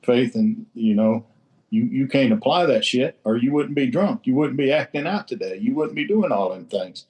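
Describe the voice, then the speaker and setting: Sharing casually at a recovery roundtable, this man sounds animated, with a medium-pitched, slightly mellow voice at a normal speed. He is blunt and salty, curses freely and says things more than once to drive them home.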